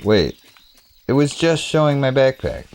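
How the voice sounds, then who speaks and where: A man's voice: medium pitch, big pitch swings, measured pace, a little mellow, clean tone. A man giving casual, rambling commentary as he plays a video game, thinking aloud in a playful way. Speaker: gaming streamer.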